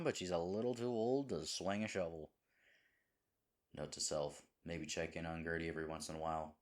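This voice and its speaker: With a natural voice on the low side, a man acts out a scripted romance as a loving, goofy boyfriend anxious about popping the question, rambling on and earnestly chiding himself.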